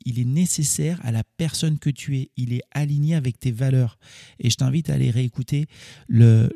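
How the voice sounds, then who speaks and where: Male podcast host, casual coaching talk, gravelly and warm, recorded dry and close. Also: mid-range voice, no room sound. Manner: casual, explanatory, self-correcting with small laughs.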